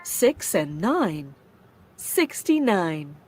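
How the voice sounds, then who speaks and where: A woman calling bingo numbers with their rhyming calls, slow and measured. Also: on the low side, big pitch swings. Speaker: bingo caller. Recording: loud music playing underneath.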